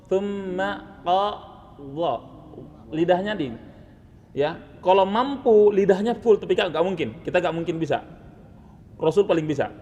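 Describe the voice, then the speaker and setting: A man's voice: high-pitched, expressive, moderate pace, warm tone, dull audio. A man coaching students on Quran recitation, correcting their pronunciation and demonstrating sounds over and over, with a teasing edge. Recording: hall reverb, faint ambient noise.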